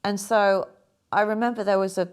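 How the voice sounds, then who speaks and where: A young woman, chatting casually and a bit haltingly about her paintings. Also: medium pitch, flat delivery, smooth. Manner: chatty, rambling, hesitant with fillers. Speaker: artist talking through her paintings. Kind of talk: casual chat.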